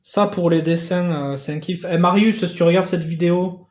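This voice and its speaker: A man in a casual unboxing vlog who gets excitable, swears casually and thanks the sender again and again. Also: high voice, moderate pace, roomy sound. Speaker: YouTuber opening a gift parcel.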